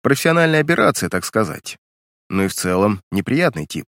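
A man's voice: lowish voice, big pitch swings, fairly quick, a bit bright, no echo, studio quality. A man narrating a first-person audiobook in a wry, colloquial manner.

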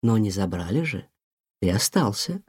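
A man voicing a wise, gentle mother cat who speaks softly and soothingly. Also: mid-range voice, sing-song, moderate pace, no room sound, clean studio sound. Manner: soft, soothing and tender. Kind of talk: audiobook character voice.

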